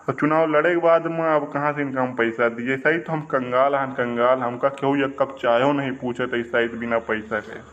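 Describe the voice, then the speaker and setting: Pleading man in a comedy sketch, mid-pitched voice, lo-fi sound. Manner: pleading, wheedling, excitable. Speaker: comic village election candidate. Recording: lo-fi recording.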